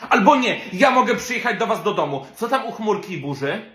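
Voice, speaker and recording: A man playing a starstruck female teacher who gushes excitedly over a new pupil's famous parents. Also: high voice, a little fast, reverberant. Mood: gushing. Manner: excited and gushing. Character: starstruck fangirl woman teacher, gushing.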